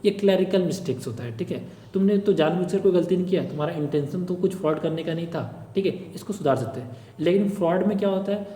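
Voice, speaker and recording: Guy tutoring for an exam, kinda high mellow voice, explains step by step, echoey room. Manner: explains with repeated checks and everyday examples. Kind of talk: informal screen-share lecture. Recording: echoey room with long reverb.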